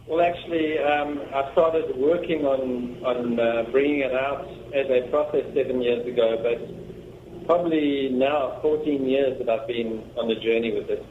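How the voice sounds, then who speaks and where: A man's voice: mid-range voice, measured pace, slight background noise. Man with an echoey, dull room sound. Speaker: guest, founder of a self-help method. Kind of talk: interview over a remote line. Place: room at home by a window. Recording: echoey, dull remote line.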